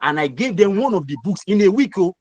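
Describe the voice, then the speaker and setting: A man's voice: high-pitched, very animated, quick pace, darkish tone, dry recording, lo-fi sound. A middle-aged man with a Nigerian accent, giving an emphatic, repetitive motivational mentoring talk. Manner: emphatic, repetitive, preacher-like delivery. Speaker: guest mentor speaker.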